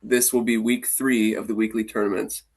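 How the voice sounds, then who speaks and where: A man who teaches martial arts, chatting casually and telling animated stories, often acting out what his students say. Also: lowish voice, moderate pace, slightly rough. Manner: animated, acts out the kids' voices. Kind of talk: casual storytelling conversation.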